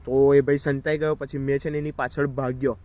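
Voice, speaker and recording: A man's voice: mid-range voice, flat delivery, fairly quick, darkish tone, lo-fi sound. A man telling a story in a casual vlog, talking straight to his viewers while outdoors in a park. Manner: chatty, addresses viewers directly. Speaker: vlogger.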